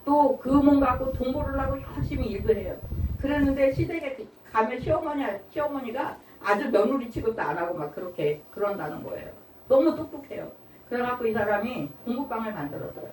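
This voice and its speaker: A woman pastor giving a conversational sermon. She often turns to the congregation with a quick question, and she acts out pleading quotes in a raised voice. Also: fairly high pitch, animated, darkish tone. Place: church hall. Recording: roomy church from a distant mic with faint hiss.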